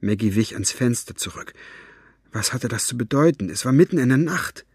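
A man reading a story aloud as narrator, with a lively, varied delivery. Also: medium pitch, normal speed, husky, dry recording, studio quality. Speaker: audiobook narrator. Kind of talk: expressive audiobook reading.

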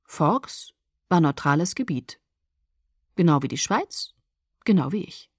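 A woman narrating a novel in the first person with expressive storytelling. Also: low voice, measured pace, slightly rough, no room sound, clean studio sound. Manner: expressive storytelling, lively intonation. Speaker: audiobook narrator.

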